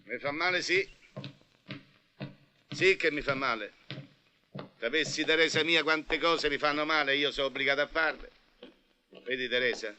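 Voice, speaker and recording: Film comedy: a self-pitying middle-aged businessman, bright and lively, wheedling and plaintive. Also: mid-range voice, a little hiss or hum. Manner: plaintive, wheedling, then blustering. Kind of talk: 1980 film comedy acting.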